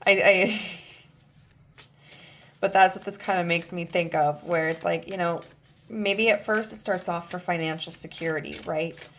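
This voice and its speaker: A woman's voice: lowish voice, fairly even intonation, a little slow, a bit bright. A woman in her thirties giving a casual tarot reading, chatty and loose, full of fillers and restarts. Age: 30s. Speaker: tarot reader.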